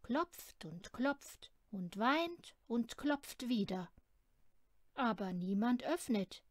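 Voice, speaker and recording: A woman reading a children's storybook aloud in an unhurried, expressive way. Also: a little high, no room sound, studio quality. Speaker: storybook reader.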